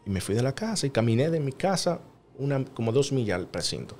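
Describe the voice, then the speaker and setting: A man's voice: mid-range voice, sing-song, darkish tone, faint music behind. A man, a podcast guest earnestly telling a personal story and acting out the voices of the people in it. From New York-based. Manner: earnest, fast, acts out other people's words while telling the story. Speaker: podcast guest, single father. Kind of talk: casual interview storytelling.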